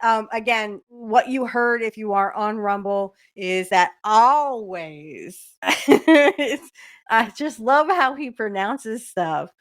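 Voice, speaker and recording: A podcast host with a smooth, mid-range voice chats casually along with a video, giggly and affectionate, dropping lots of "ums" as she gives watch-along commentary.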